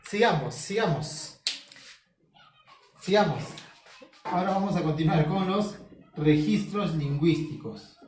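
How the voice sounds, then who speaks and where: A Peruvian male teacher explains a lesson in his home, going over key terms again and again and asking himself the student's questions. His voice sits at an ordinary pitch and comes from a little away from the mic. The room is echoey, with faint noise behind him. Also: a little slow, long pauses, a little mellow, recorded from a distance. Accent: Peruvian Spanish. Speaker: school teacher. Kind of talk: home-schooling video lesson.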